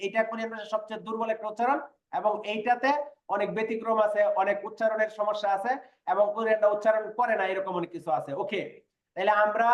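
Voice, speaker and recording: A man with a fairly high voice gives an online lesson, patiently repeating sounds and asking his students whether they follow. The recording carries a noticeable room echo. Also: dull audio. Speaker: Korean language teacher. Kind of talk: online class lecture.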